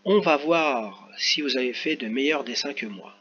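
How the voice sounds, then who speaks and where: Man, teacher, patient step-by-step explaining to kids, bright voice, slightly dull recording with faint background hum. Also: mid-range voice, animated, moderate pace. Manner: patient, step-by-step explaining, addresses children directly. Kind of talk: correcting a worksheet for children.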